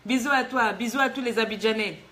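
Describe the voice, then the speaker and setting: Animated woman life coach, teasing. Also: on the high side, fast talker. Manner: animated, teasing, emphatic with rhetorical questions. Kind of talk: live advice talk reading a letter.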